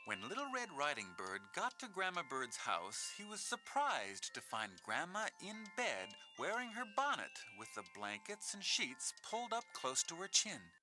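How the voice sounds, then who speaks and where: A man playing an expressive narrator of a children's storybook. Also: fairly high pitch, normal speed, few pauses, music in the background. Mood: storytelling. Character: animated male storybook narrator.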